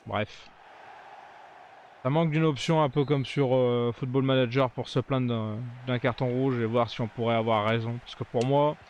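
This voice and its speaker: A man talks through his gameplay in a casual, conversational way. His voice sits at a medium pitch. He comments as he plays, with a grumbling, sarcastic edge to his asides. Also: slight background noise. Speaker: gaming video creator.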